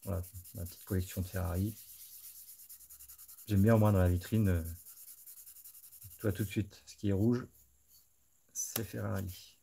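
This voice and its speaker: A man's voice: lowish voice, fairly even intonation, moderate pace, creaky, long pauses, dark tone, slight background noise. A man hosting a live stream, chatting casually, thinking aloud and talking straight to his viewers. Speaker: host of a live scale-modeling stream.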